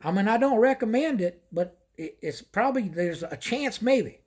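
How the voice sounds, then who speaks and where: A man's voice: high voice, expressive, normal speed, a little mellow, slightly rough, voice pushed up. A man voicing a blunt small-town woman motel clerk who speaks in a drawling rural dialect. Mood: blunt, matter-of-fact.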